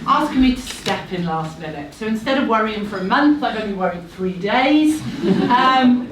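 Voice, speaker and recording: A woman's voice: fairly high pitch, animated, normal speed. Woman in her 30s telling her story to a crowd, nervous chatty asides, sounds far off in a roomy hall, bit of hiss. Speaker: speaker at a live talk event. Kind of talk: personal story told to a live audience. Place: room with a live audience. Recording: echoey room, voice heard from a distance.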